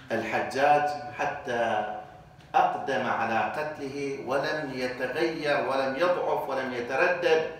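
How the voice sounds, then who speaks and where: A man's voice: mid-range voice, fairly bright tone. Male rally speaker, impassioned oratory, recorded far off with faint background noise. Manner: impassioned oratory with rising emphasis. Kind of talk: political speech. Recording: heavy echo, distant mic, faint noise.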